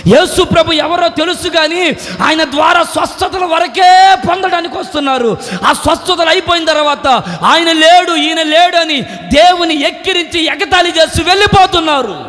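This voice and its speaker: A man pastor preaching an Easter sermon with passion, asking rhetorical questions and shouting at his climaxes. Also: extremely high pitch. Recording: long church-hall reverb.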